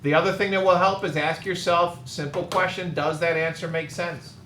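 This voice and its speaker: Brief: man teaching math, brisk and wry, echoey classroom with faint hiss. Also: a little high, fairly even intonation, bright, forceful tone. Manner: brisk, teasing, direct. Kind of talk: classroom lecture.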